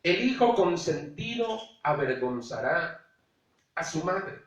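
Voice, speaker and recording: A man's voice: a little high, sing-song, takes it slowly, dull audio. A man preaching a sermon as pastor, at times acting out indulgent parents. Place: church. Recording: very echoey room, distant mic.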